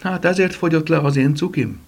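A man voicing a curious, excitable elderly woman who plays amateur detective in a storybook reading, with high, exclaiming lines. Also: creaky, husky, heavily acted. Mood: eager.

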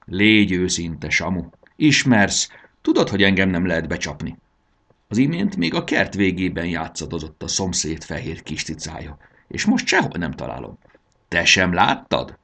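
A man's voice: sits low, very animated, creaky, exaggerated voice. A man doing a bossy scolding schoolgirl. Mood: suspicious. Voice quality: scolding, sharp-tongued.

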